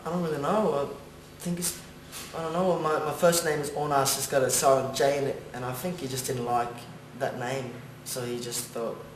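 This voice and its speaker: A young man playing a mild, halting drummer nicknamed the Chief in a mockumentary interview. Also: medium pitch, flat delivery, close to an everyday voice. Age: young adult. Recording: roomy, a bit distant, faint noise.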